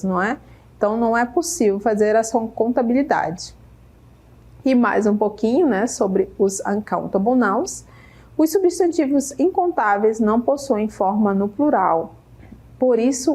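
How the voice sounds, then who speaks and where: A woman teacher with a Brazilian Portuguese accent explains English vocabulary slowly, repeating each word and checking in with "né?". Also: a little high, a little mellow. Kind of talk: slow, careful classroom explanation. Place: state school media center studio.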